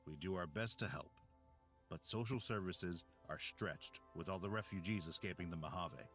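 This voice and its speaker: A beleaguered town official in a video game. His voice is fairly low, measured and formal, earnest in tone, with faint music behind. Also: a bit bright. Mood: weary concern.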